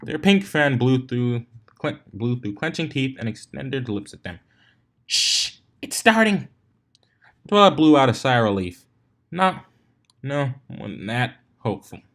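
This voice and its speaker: A man with a mid-range voice and lively intonation reads fan fiction at an unhurried pace, narrating expressively and doing voices for the characters. Once in a while he stumbles over a word and corrects himself.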